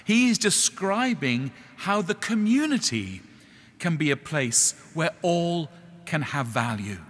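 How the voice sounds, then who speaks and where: A middle-aged man preaching a sermon in a measured, earnest way, pausing slowly on key words. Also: on the high side, very animated, fairly bright tone, slightly rough. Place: church. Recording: echoey church hall.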